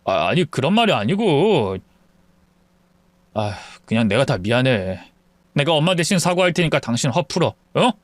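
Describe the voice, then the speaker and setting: A man voicing a husband who speaks in a soft, coaxing, apologetic way to calm his wife, in a dramatized storybook reading. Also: medium pitch, normal speed, no room sound, close to an everyday voice. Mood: placating. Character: placating husband caught between wife and mother.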